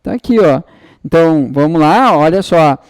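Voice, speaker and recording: Male teacher, slightly high, dry close sound, acts out student questions. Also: animated, normal speed, clear, resonant tone, no room sound. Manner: explains step by step, checks in with frequent tag questions. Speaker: exam-prep Portuguese teacher. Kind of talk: online lesson.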